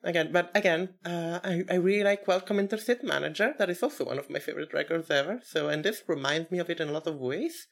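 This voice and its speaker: A woman in her twenties co-hosts a podcast, chatting casually about records in a fairly low voice. She talks fast with vocal fry and few pauses, teasing and thinking aloud in hesitant loops.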